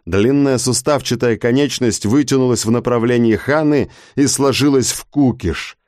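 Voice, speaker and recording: A man's voice: medium pitch, moderate pace, a little mellow, no echo, clean studio sound. A man giving tense, vivid dramatic audiobook narration.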